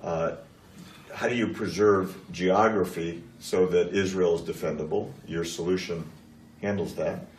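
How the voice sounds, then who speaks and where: Male political interviewer, low register, measured and piecemeal phrasing, picked up from a distance. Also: fairly even intonation, darkish tone. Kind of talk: political interview, probing questions. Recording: echoey room, distant mic.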